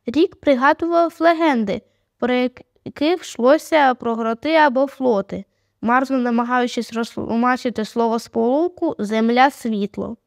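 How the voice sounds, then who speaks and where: High-voiced woman reading a story. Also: moderate pace, no room sound, studio quality. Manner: steady storytelling. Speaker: audiobook narrator. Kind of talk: scripted narration.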